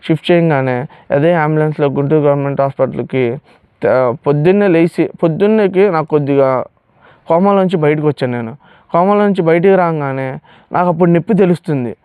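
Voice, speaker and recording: A young man telling his own testimony in a rushed, emotional storytelling manner, acting out the pleading words of others. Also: a little high, clear, resonant tone, no room sound, phone-quality sound. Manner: fast emotional storytelling, acts out pleading quotes. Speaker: testimony speaker. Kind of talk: personal testimony.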